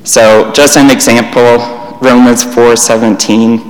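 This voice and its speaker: In a church hall, a young man teaches in a mid-range, flat monotone that barely rises or falls. He speaks plainly and unhurriedly, pausing and restarting, while a long hall reverb trails his words.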